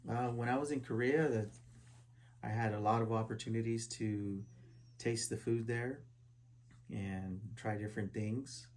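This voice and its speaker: A man in his forties from Southern California, a veteran answering oral history questions at a relative's house, halting with many fillers and restarts. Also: on the low side, fairly even intonation, darkish tone, slight background noise. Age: 40s. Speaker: interviewee, Army veteran. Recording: poor quality home recording.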